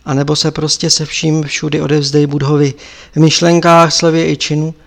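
A man reading an audiobook, voicing an old male lama abbot who admonishes his pupil in a measured, lecturing way. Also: fairly high pitch, level tone, creaky. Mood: instructive.

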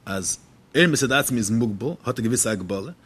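Husky guy rattling fast through a religious lesson, asks questions then answers them himself. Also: medium pitch, lively intonation, fairly bright tone. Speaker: religious teacher. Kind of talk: religious text lecture.

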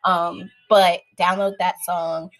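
A woman's voice: lowish voice, flat delivery, slow pace. A woman hosting and chatting casually to her listeners about songs she loves, in an upbeat, friendly way. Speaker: host sharing song picks. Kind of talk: casual chat. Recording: faint music in the background.

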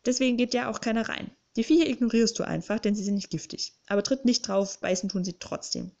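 A woman's voice: a little high, fast, vocal fry, a little mellow, dull audio. A woman reading an audiobook, voicing a male bookling creature who sniffs and explains the way with small hesitations. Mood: explaining. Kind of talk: audiobook character voice.

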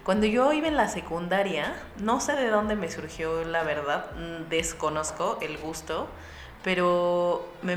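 A young woman with a Mexican Spanish accent, telling a lively anecdote to friends and acting out the voices of the people in it. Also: sits low, reverberant, a little hiss or hum. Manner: lively storyteller acting out voices with bursts of laughter.

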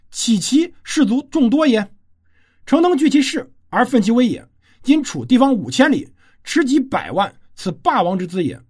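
A narrator voicing a fierce, defiant ancient male retainer in a loud declaiming delivery, with a husky voice. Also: medium pitch. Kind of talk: declaiming classical speech in storytelling.

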